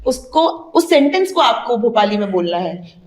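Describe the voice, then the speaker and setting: A young woman with a fairly high voice hosts a relaxed interview. She asks her questions politely, with a lot of everyday fillers. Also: moderate pace. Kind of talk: casual interview chat.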